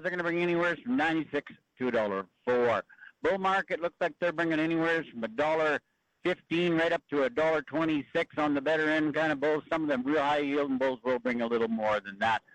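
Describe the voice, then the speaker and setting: A man's voice: fairly high pitch, a little fast, fairly bright tone, no room sound, poor audio. A man giving a plain-spoken, colloquial livestock market report. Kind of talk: folksy radio market report.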